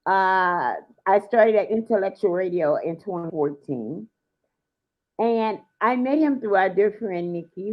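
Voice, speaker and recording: A woman hosting a live internet radio interview, chatty and bubbly, laughing often, talking over a computer mic on a video call. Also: mid-range voice. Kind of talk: casual live-stream interview chat. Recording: dull lo-fi stream audio.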